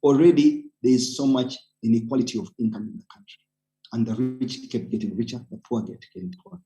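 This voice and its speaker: A man with a Ugandan accent, a community organizer on a webinar panel, shares a personal account and earnestly urges listeners on with emphatic, persuasive points. His voice is mid-range and mellow, his pace quick, and the audio poor.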